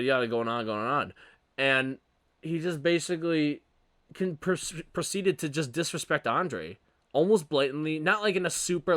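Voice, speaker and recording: Young man, podcast host, slightly high voice, rambling casual chat, dry close sound. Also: no echo. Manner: rambling, self-correcting, animated opinions. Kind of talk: casual solo podcast commentary.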